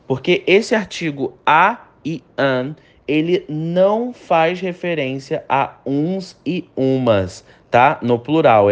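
Patient man teaching, dull lo-fi sound. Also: fairly high pitch. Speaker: English teacher. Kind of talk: recorded online lesson.

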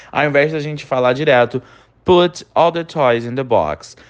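Man teaching English grammar. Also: mid-range voice. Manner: explanatory, models English phrases slowly and emphatically; frequent tag questions like né and tá. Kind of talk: recorded online lesson.

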